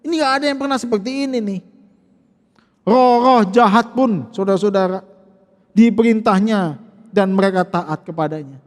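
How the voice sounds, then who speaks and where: Pastor guy preaching, very high voice, chatty rhetorical questions, big church echo. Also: normal speed, pauses often. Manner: conversational, asks the congregation rhetorical questions. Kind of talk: sermon. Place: church sanctuary. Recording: long church reverb.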